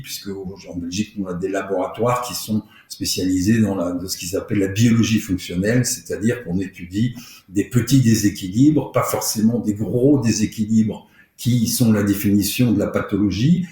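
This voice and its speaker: A man's voice: on the low side, fairly even intonation, moderate pace, mellow, very echoey. A man from France, a doctor, explaining his work in an interview, with many fillers and restarts. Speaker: doctor, podcast guest.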